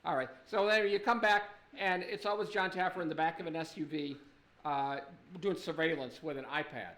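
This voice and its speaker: A man's voice: on the high side, moderate pace, fairly bright tone, roomy sound. A man doing a profane, sardonic stand-up rant, recorded in a studio. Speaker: stand-up comedian.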